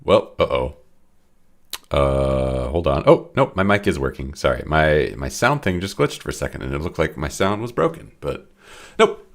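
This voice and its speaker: A young game developer with a very low, noticeably stuffy and congested voice streams his late-night coding from home, talking into a desk mic. His casual live-stream commentary is self-deprecating and rambling, full of restarts, delivered at normal speed in a sing-song way.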